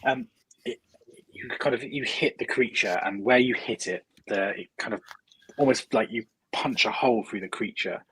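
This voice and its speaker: A man's voice: lowish voice, moderate pace, fairly bright tone, husky, poor audio. A man narrating as dungeon master in a casual, hesitant way, full of "um" and "sort of". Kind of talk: narrating a tabletop game.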